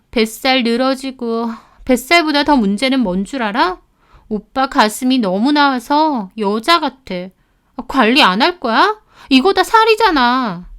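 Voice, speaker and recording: A woman voicing a spiteful young mistress who yells shrill insults in an audio story. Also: clear, resonant tone. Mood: scornful.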